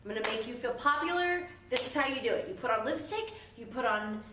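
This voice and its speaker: A woman's voice: on the high side, expressive, brisk, close to an everyday voice. A drunk woman voicing a bubbly popular young woman, retelling a musical. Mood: bossy. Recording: roomy distant mic with faint hiss.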